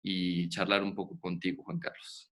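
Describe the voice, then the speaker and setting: Man, podcast host, low pitch, lively questions. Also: moderate pace. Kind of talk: casual interview conversation.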